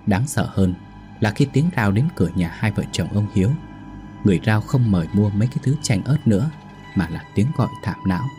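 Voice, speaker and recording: A man narrating a spoken ghost story in a steady, somber way. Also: lowish voice, fairly quick, faint music behind.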